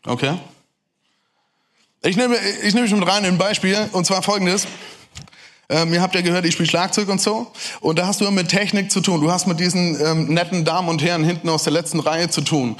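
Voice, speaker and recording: A man with a German accent giving a lively sermon, talking fast and speaking straight to the audience. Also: sits high. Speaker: preacher. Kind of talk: lively sermon talk to a crowd.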